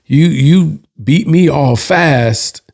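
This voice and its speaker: Quick bit: a man voicing a sore-loser bar pool player, whiny and accusing, raised pitch. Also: vocal fry, darkish tone, exaggerated voice. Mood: irritated. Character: irritated male pool player feeling hustled.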